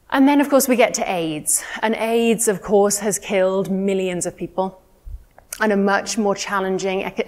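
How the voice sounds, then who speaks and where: A woman, giving a conference keynote in an earnest, steady lecturing manner with frequent ums. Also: mid-range voice. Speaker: keynote speaker. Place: conference room, indoors.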